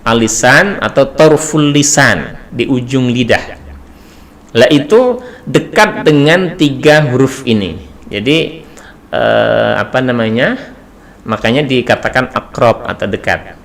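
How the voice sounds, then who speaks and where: A man leads a Quran recitation lesson at an unhurried pace, his voice sitting in a middle register. He explains patiently and breaks into short chanted demonstrations of each sound. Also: mid-range voice, vocal fry, fairly bright tone. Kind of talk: tajwid lesson.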